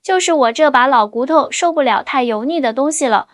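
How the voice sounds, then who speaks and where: A woman voicing a kindly, humble older father-in-law in an audio story, speaking gently. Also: sits high, a little fast, dry recording, studio quality, close to an everyday voice.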